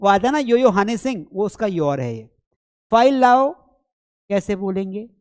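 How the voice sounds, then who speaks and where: His voice sits high and smooth, swinging widely in pitch at a normal speed. He is a Hindi-speaking man with an Indian accent who teaches spoken English, and here he's giving a playful, chatty live online lesson, teasing students and calling them "beta," his voice worn and strained after an hour.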